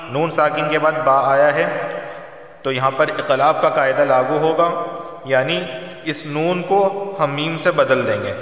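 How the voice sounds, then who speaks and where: A man's voice: on the high side, a bit bright. Echoey distant man chanting and teaching. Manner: chants verses slowly in melodic recitation, then explains rules plainly. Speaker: Quran teacher. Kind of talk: Quran recitation and tajweed lesson. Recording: roomy echo, long reverb, distant mic.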